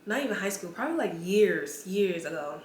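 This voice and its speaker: A woman's voice: fairly low pitch, lively intonation, fairly quick, slight background noise. A woman in her twenties talking candidly to her camera as a vlogger, casual and full of "like" fillers. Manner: chatty, many "like" fillers, candid. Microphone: camera mic. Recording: roomy with faint ambience.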